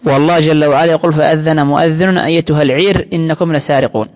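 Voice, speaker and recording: Guy with a high voice teaching religion, explains things step by step, long echo around him. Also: fairly even intonation, fast talker, darkish tone. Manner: explanatory, teacherly, quotes scripture often. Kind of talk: religious lesson. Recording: long hall reverb.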